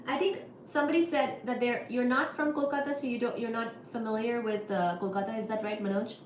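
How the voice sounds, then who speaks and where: A woman's voice: on the high side, fairly even intonation, a little fast. A woman from India hosting a casual livestream, answering chat comments with wry asides. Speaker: livestream host. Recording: echoey room with faint noise.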